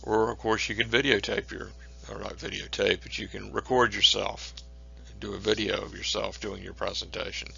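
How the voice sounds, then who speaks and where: Male instructor, lower pitch, bright forceful tone, measured delivery with fillers. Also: flat delivery, vocal fry, slightly rough. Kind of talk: recorded lecture. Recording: dull lo-fi recording.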